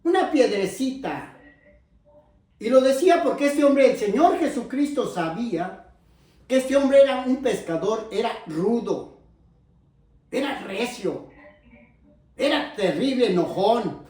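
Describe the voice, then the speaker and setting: A man preaching a sermon, explaining slowly and repeating phrases, often calling listeners brothers, dropping low and soft on asides. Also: animated. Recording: very echoey, from far off the mic.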